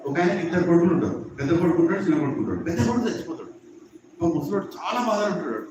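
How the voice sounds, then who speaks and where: A man giving a satsang talk, telling a joking story as an animated storyteller. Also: a little high, rapid-fire, recorded from a distance. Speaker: satsang speaker. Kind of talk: storytelling sermon, Telugu mixed with English. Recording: echoey hall from afar, dull, noisy.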